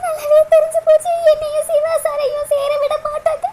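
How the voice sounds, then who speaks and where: A woman's voice: very high-pitched, fast talker. A woman voicing a heartbroken young woman in a cartoon, talking through sobs and pleading. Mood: tearful. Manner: sobbing, pleading.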